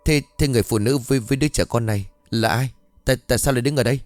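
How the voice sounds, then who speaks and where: A man voicing a big, short-tempered tattooed man who scolds gruffly and fast. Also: mid-range voice, darkish tone, no room sound, soft background music, voice pushed up, close to an everyday voice. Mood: shaken.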